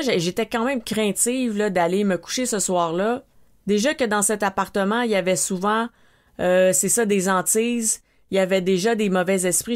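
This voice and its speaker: Woman, Québécois French accent, podcast host, personal storytelling, animated retelling, acts out her own cries of fright. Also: medium pitch.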